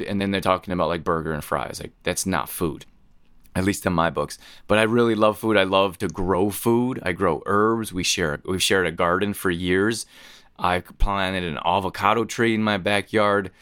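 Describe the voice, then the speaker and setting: Deep-voiced man telling casual stories. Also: normal speed, fairly bright tone, clear, resonant tone, no room sound, clean studio sound. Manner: rambling, chatty, laughs often. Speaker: podcast host. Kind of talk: casual storytelling monologue.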